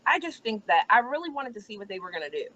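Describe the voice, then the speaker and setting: A woman co-hosting a casual wrestling chat, talking in a chatty, animated way and laughing easily, recorded out back outdoors. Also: fairly high pitch, fast. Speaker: co-host. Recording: dull lo-fi sound.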